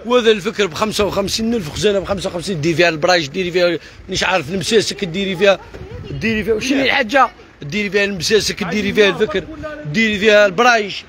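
An Algerian man selling wares on a live stream from his shop, hawking in rapid repetitive calls. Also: high voice, a bit bright. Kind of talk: live sales pitch.

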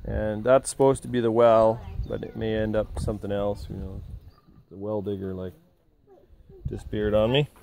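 A middle-aged vlogger gives a casual, rambling walkthrough of his timber house frame outdoors, filler words everywhere, filmed on a handheld camera. His voice is fairly low, creaky and dark, with flat delivery at a moderate pace, and a little hiss or hum runs under the recording.

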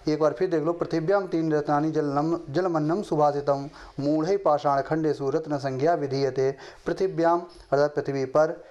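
A middle-aged man teaching a lesson, reciting verses slowly in a chant and then explaining them quickly. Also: on the high side, steady tone, darkish tone, dull audio. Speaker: Sanskrit teacher.

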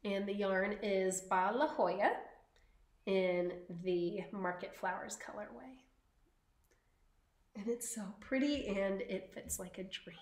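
A woman co-hosting a podcast, chatting casually and slowly about her knitting with frequent ums. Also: medium pitch, reverberant. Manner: slow, chatty, many ums. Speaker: podcast co-host.

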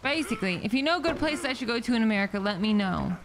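A woman's voice: on the high side, lively intonation, quick pace, background noise. A young woman in her twenties with a South African accent, chatting as she plays a game. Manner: chatty, easily amused. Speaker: streamer. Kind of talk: gameplay commentary. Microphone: close desk mic.

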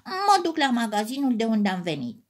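A woman's voice: high voice, expressive, voice pushed up. A woman voicing a grumpy, hurt felt teddy bear in a children's story. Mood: grumbling. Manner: complaining, gruff.

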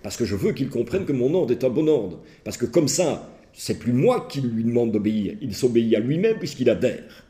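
A man's voice: medium pitch, normal speed, hardly any pauses. A middle-aged man, a therapist, giving a humorous lecture and telling stories while mimicking the people in them. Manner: lively storytelling, mimics characters' voices. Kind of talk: humorous lecture with acted anecdotes.

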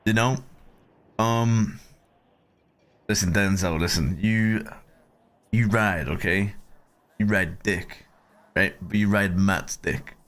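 A man's voice: on the low side, slow pace, long pauses, a bit bright. A man in casual, blunt, teasing role-play banter, often repeating his phrases.

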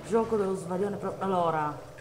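A woman with a lowish voice commentates live on her own gameplay at a moderate pace, with game music and other background noise behind her. As a streamer, she talks to the game itself and bursts out in frustration and swearing.

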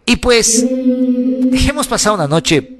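A man slowly telling a personal story in the first person, halting and conversational. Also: very high voice. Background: music.

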